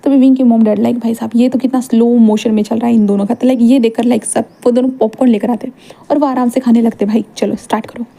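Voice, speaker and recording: Woman storyteller, casual and chatty, high husky voice with a dark mellow tone. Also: fairly even intonation, fast. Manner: chatty, filler-heavy narration with mixed English. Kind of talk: casual fan-fiction retelling.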